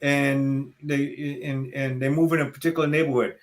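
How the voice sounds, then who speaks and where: A man's voice: mid-range voice, flat delivery, moderate pace. An older man with a Southern accent, a guest talking in a folksy, rambling, opinionated way during a casual interview. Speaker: guest speaker.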